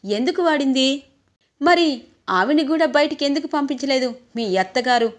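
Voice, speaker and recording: A woman voicing a defiant young man, a greedy younger brother who talks back quickly and cockily. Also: sits high, expressive. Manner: quick, cocky, talking back.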